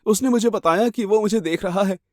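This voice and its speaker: A man voicing a frightened but defiant young woman, shaky and urgent, in an animated horror story. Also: high-pitched, fairly quick, no echo, clean studio sound, voice pushed up, close to an everyday voice.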